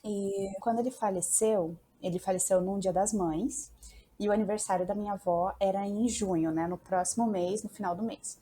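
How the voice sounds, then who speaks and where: A woman's voice: medium pitch, steady tone, normal speed, warm tone, slight background noise. A woman, a psychologist guest on a podcast, candidly telling a personal story and quoting what she and her family said. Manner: candid, quotes her younger self and family.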